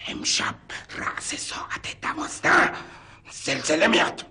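An actor playing an anxious, pompous middle-aged visitor who speaks gravely and insistently in a sitcom. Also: male voice, fairly high pitch, wildly swooping pitch, sharp tone, full character voice. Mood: alarmed insistence. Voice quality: raspy, gravelly. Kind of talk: TV sitcom acting.

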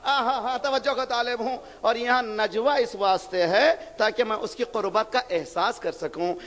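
A man with a strikingly high voice preaches an impassioned sermon. He keeps throwing rhetorical questions at his listeners and pushes up into shouts. His voice rings with the long reverb of a big hall.

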